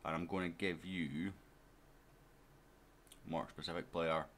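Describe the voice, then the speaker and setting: Low-voiced man casually commentating a game. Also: flat delivery, takes it slowly, a bit bright, a little hiss or hum. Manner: chatty, talks straight to viewers and to his players. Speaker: gaming YouTuber. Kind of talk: casual let's-play commentary.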